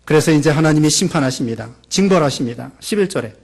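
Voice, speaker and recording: Preaching fast and expressively with vocal fry, a male pastor delivers an emphatic sermon in a church sanctuary. He strings verbs into long lists and moves between urgent high emphasis and quiet low asides.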